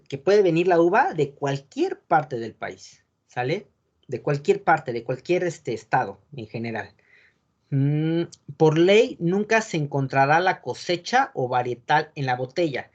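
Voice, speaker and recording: A man teaching an online wine course over a video call, explaining patiently and often checking in with quick tag questions. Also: on the high side, dull audio. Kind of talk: online class lecture.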